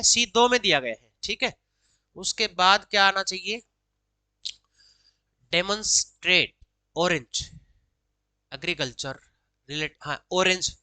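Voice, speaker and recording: A woman teaching exam solutions, reading each English question slowly, then explaining quickly in Hindi mixed with English. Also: fairly low pitch, pushed and bright, no echo, poor audio. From Haryana, India.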